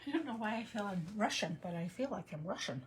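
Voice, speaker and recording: A woman's voice: mid-range voice, lively intonation, fast, slight background noise. A middle-aged woman hosting a live card-making tutorial, chatting casually and joking at herself as she works. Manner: chatty, self-deprecating, thinks aloud. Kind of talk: casual live crafting demo.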